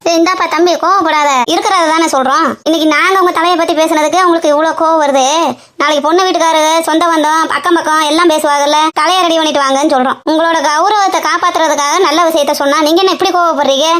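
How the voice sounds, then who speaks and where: A woman's voice: high voice, fairly even intonation, quick pace, fairly bright tone. A woman voicing a bossy, chatty middle-aged wife in a cartoon comedy, scolding and lecturing.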